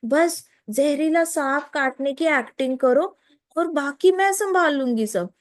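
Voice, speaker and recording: Lady doing a sly young girl whispering a plan, low and hushed. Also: unhurried, no echo, clean studio sound. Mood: conspiring. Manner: low confiding murmur. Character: scheming young woman friend, hushed.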